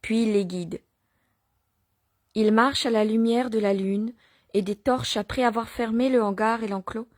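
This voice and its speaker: A woman reading a religious nativity story aloud at a measured pace, with pauses and small restarts. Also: fairly high pitch, steady tone, dry recording. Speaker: reader.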